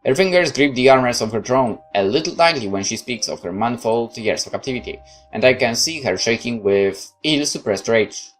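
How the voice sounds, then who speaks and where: Low-voiced woman narrating a game playthrough. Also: expressive, fairly quick, soft background music, rough recording. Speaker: gamer reading a visual novel aloud.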